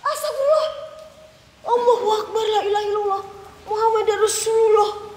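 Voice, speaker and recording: A woman's voice: extremely high pitch, normal speed, a little mellow. A young woman live-streaming a haunted house exploration, nervously muttering prayers and chatting in slang with her viewers. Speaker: ghost-hunting live streamer. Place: abandoned house, indoors. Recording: echoey, reverberant empty building, faint noise.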